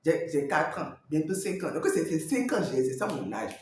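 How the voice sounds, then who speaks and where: A man's voice: fairly high pitch, big pitch swings, moderate pace, darkish tone. A man working as a language coach, giving advice straight to the viewer and repeating his points. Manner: repetitive, talks straight to the viewer. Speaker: Mandarin coach. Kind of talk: teaching advice to camera. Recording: very echoey room.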